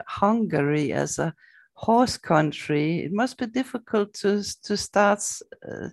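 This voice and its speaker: A woman hosting a conversational interview, speaking in halting phrases with pauses as she thinks. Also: fairly low pitch, darkish tone, no room sound. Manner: halting, pausing between phrases. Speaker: interviewer, host.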